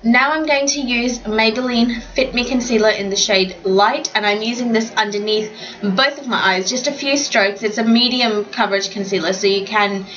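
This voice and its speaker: A woman's voice: on the high side, normal speed, a bit bright, highs cut off. Chatty young woman, makeup voiceover. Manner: chatty, slightly tongue-tied. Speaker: beauty vlogger. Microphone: home voiceover mic.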